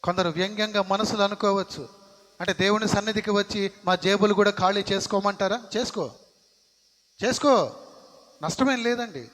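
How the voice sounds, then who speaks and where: A man's voice: sits high, steady tone, a little fast, a bit bright. A man preaching a sermon as pastor, emphatic and repeating phrases for stress, in a church. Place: church sanctuary. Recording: long reverb of a church hall.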